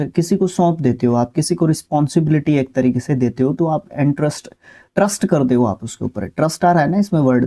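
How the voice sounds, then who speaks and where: A man teaching vocabulary in a relaxed, explanatory lesson, checking in often with his listeners and pausing on filler sounds. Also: fairly high pitch. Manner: repetitive, with "ठीक है" check-ins and filler sounds. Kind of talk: explanatory lesson, talking through word lists.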